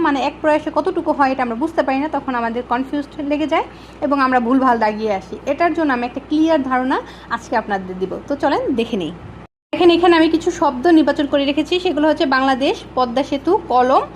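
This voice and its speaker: A woman's voice: high voice, a little hiss or hum. A woman giving a casual spoken exam-prep lesson. She asks rhetorical questions, answers them herself and repeats the key points.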